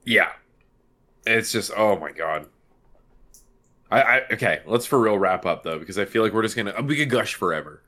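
A man with a very low voice co-hosting a casual podcast. He gushes and repeats himself for emphasis when he wraps things up. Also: animated, moderate pace, pauses often, pushed and bright. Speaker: podcast co-host. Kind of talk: casual chat.

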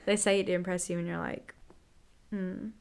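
A woman's voice: lowish voice, level tone, fast, vocal fry. A young adult woman co-hosting a casual podcast chat, laughing often and filling her talk with "like". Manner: giggly, filler-heavy, lots of "like". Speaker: podcast co-host.

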